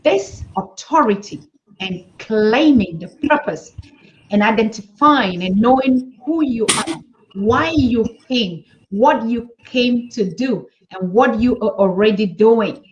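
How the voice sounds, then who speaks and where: A woman's voice: on the high side, expressive, slow pace, dull audio. A woman hosting a live online interview, asking questions in an effusive, supportive way. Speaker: host.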